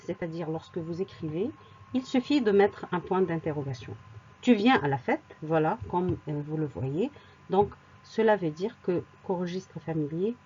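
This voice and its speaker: Mellow-voiced woman teaching grammar. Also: fairly low pitch, lo-fi sound, a little hiss or hum. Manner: slow and deliberate, repeats words, hesitant fillers. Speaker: French teacher. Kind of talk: grammar lesson explaining rules with examples.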